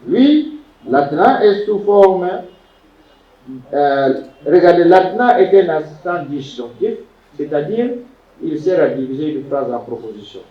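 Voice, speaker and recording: In a dull, distant, roomy lo-fi recording of a classroom, a man lectures on biblical Hebrew grammar. His voice sits on the high side and is animated but slow, and he repeats words and tests his students with questions.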